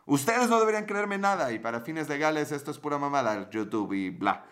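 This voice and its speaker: A man with a Mexican accent reads his chat aloud during a casual livestream, talking a little fast in a fairly high, fairly bright, expressive voice. He's a bit tipsy, rambling, and full of slang and swearing.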